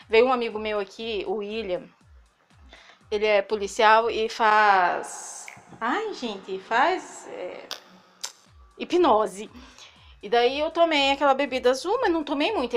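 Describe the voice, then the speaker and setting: Woman, Brazilian Portuguese accent, high voice, animated storytelling, frequent laughter. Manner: animated, laughs often, dramatic pitch swings. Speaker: vlogger. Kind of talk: confessional storytelling.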